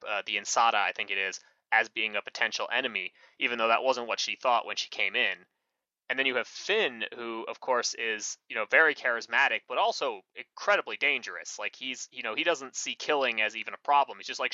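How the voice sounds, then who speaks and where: A man's voice: medium pitch, sharp tone, no echo. A man co-hosting a podcast in casual chat, rambling with many fillers and self-corrections. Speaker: podcast co-host. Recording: muffled lo-fi mic.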